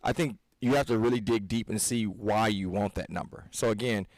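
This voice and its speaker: A man in his thirties, a fitness coach co-hosting a podcast, discusses things casually in an earnest, preachy way, rambling and restarting. He has a lowish, steady, slightly mellow voice, speaks fairly quickly, and the recording is dry.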